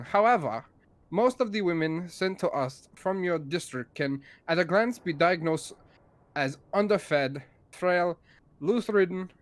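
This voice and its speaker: A man voicing a stiff male wartime official reading out a letter, in a halting attempted German accent. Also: high-pitched, no echo. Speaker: streamer.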